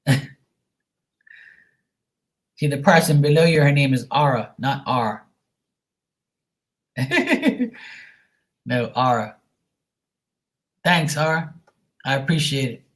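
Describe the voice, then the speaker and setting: A man's voice: medium pitch, moderate pace, long pauses. A man hosting a casual livestream chat, talking informally to viewers and giving them encouraging advice. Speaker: psychic reader and livestream host.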